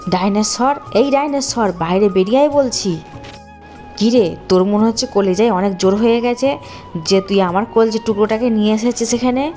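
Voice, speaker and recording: A woman's voice: mid-range voice, normal speed, mellow, natural voice. A woman voicing a loving middle-aged village father in a cartoon, who talks tenderly to his daughter and turns stern when he is crossed. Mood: angry. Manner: pleading, then stern and threatening. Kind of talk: cartoon voice acting. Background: faint background music.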